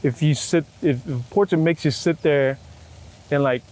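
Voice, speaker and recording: Speaking with a somewhat high, slightly mellow voice, a middle-aged photographer is interviewed outside in a city. He muses casually, hesitating, using fillers and reshaping his thoughts mid-sentence, while city traffic, vehicles and urban ambience sound behind him.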